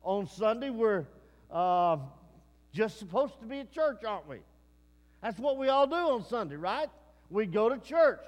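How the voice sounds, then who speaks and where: A man's voice: high-pitched, big pitch swings, measured pace, in a large hall. A man from Texas, preaching a folksy, conversational sermon and often turning to the congregation with questions. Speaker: pastor.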